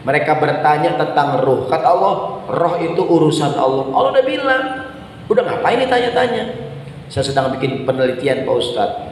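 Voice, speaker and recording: A male preacher, speaking in a slightly high voice to his congregation in a loose, joking way and playing out the voices of people asking questions. The sound is heard in a large mosque hall with long, heavy reverb. A faint room noise runs underneath. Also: lively intonation, a little fast. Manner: humorous, chatty, acts out questioners, addresses audience often. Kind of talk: mosque sermon.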